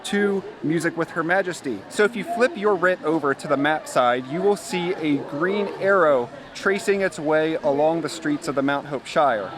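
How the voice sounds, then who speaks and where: A man's voice: a little high, normal speed, few pauses. A man hosting a festival guide video, explaining things casually to viewers. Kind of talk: casual explanatory talk to camera. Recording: noisy outdoor urban ambience.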